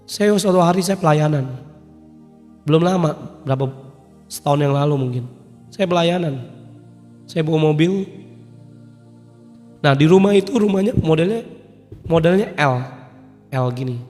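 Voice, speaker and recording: A male preacher, telling a personal story in a casual sermon, swinging from loud emphatic peaks to quiet asides. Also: a little high, moderate pace, pauses often. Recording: long hall reverb, soft music behind.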